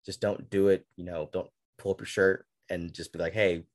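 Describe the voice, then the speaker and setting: Low-voiced man hosting a sports podcast. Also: flat delivery, moderate pace, a little mellow. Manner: sarcastic, loose and conversational with restarts. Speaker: podcast host. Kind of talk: casual sports podcast talk. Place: at home with a game on TV.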